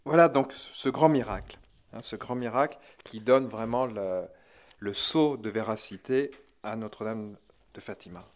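A man's voice: lowish voice, measured pace. A man giving a religious talk, retelling events dramatically with chuckling asides to his listeners.

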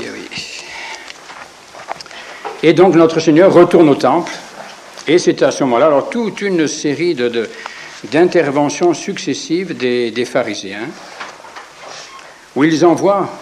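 A man's voice: mid-range voice, a little hiss or hum. Chatty French-speaking preacher man. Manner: conversational and digressive, with rhetorical asides and repeated words. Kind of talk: informal sermon retelling the Gospel.

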